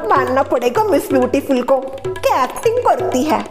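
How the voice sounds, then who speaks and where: A man's voice: very high-pitched, sing-song, normal speed, heavily acted. A man voicing a dramatic, gossipy woman neighbor who talks in a mocking way. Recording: echoey room, faint music.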